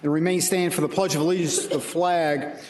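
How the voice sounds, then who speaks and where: Male speaker of a legislature, official procedural delivery, a touch high, with reverberant chamber sound. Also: fairly even intonation, fast talker, darkish tone. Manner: official, procedural calling of business. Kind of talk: formal parliamentary procedure. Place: large indoor legislative chamber. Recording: echoey chamber, long reverb, background noise.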